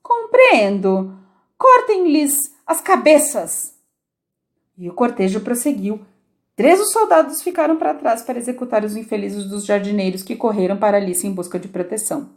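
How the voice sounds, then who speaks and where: A woman narrating an audiobook of a children's classic with expressive storytelling. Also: mid-range voice, fast talker. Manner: expressive storytelling with lively intonation.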